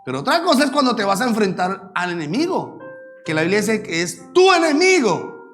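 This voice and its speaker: A man preaching a sermon as pastor, animated, sometimes acting out shouted prayers. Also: high voice, a little fast, faint music behind.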